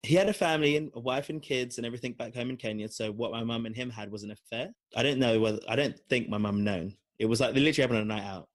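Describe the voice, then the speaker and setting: In a mid-range voice, rapid-fire with few pauses, a young Londoner with a London accent tells a long personal story. He's a podcast co-host, and his casual storytelling chat is rambling, animated, and filled with fillers.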